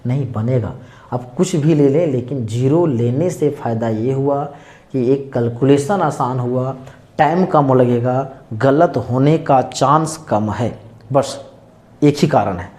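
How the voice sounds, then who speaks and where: A man's voice: mid-range voice, slow pace, darkish tone. A man teaching a maths class, explaining each step and asking and answering his own questions as he draws on the board. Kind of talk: classroom lecture.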